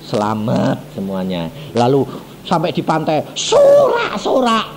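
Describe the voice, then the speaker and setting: A man preaching a sermon as an evangelist, telling stories in an animated way, acting out the voices of the people in them and putting questions to the congregation. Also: fairly high pitch, moderate pace, a little hiss or hum. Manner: animated storytelling, acts out quoted voices, asks the congregation questions.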